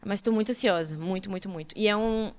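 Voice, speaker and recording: A young woman from Brazil, a singer, chatting as a guest in a relaxed podcast interview, animated and full of fillers. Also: medium pitch, quick pace. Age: young adult. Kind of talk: casual interview chat.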